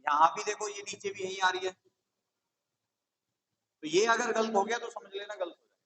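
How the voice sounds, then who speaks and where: Maths teacher guy, kinda high voice, goes slow n patient thru each step. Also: fairly bright tone, poor audio. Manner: patient, step-by-step, checks with "theek hai". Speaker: maths tutor for exam coaching. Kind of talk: whiteboard maths lesson.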